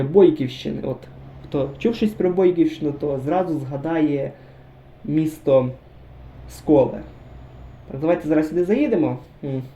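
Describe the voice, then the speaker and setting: Dark-voiced man chatting over gameplay. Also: fairly high pitch. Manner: chatty, musing aloud, addresses viewers directly. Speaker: game commentator. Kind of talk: casual gameplay commentary. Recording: roomy echo.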